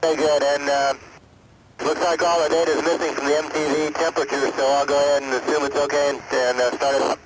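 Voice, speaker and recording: A man speaking as an astronaut over space radio, giving halting, matter-of-fact technical reports. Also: a little high, level tone. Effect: space radio transmission. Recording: noisy space shuttle radio link.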